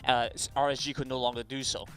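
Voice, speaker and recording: Fast-talking male esports desk analyst. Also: mid-range voice, flat delivery, a bit bright. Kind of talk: casual, bantering match analysis.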